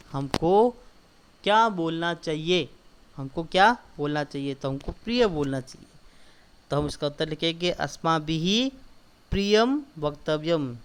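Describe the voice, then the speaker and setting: A man's voice: fairly high pitch, clean tone. A man teaching a class of children, patiently walking through textbook answers and repeating key points. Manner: patient, repetitive explaining, addresses children directly; reads quoted lines slowly and louder. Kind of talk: school lesson explaining textbook answers.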